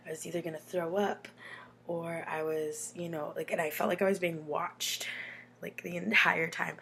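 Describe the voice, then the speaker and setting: A woman's voice: fairly low pitch, a little hiss or hum. An American woman with a runny nose from being sick, telling a personal story in a casual, chatty, informal way with dramatic asides. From Texas, United States.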